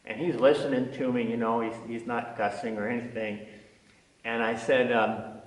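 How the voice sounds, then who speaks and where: An older man, a former navy diver, telling a personal testimony in an earnest, halting way with frequent restarts. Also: mid-range voice, level tone. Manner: earnest storytelling, frequent uh and repeated words. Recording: echoey hall, from a distance.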